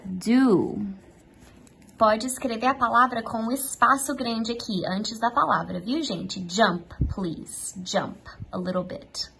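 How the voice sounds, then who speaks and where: Casting: young adult Portuguese-speaking woman teacher, unhurried and encouraging, faint noise behind. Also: on the high side, creaky, a bit bright, rough recording. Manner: switches into slow classroom English, patient and encouraging. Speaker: English teacher. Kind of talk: online language lesson.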